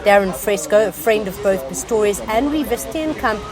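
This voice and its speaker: A woman reporter delivering a scripted news report in a measured, formal way. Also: medium pitch, a crowd in the background.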